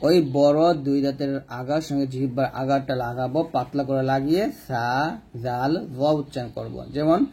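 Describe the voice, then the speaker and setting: A man with a Bangladeshi Bengali accent teaching a step-by-step recitation lesson, repeating each rule and drilling letters slowly. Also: mid-range voice, fairly even intonation, mellow, breathy edge. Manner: repeats rules and drills letters slowly, asks questions to the viewer. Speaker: Quran reading teacher.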